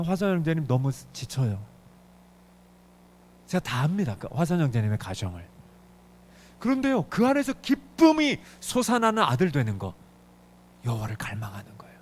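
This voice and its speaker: A middle-aged male pastor preaching a sermon in a church, emphatic and urgent, pushing key words hard. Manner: emphatic, swings pitch up and down for emphasis. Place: church sanctuary.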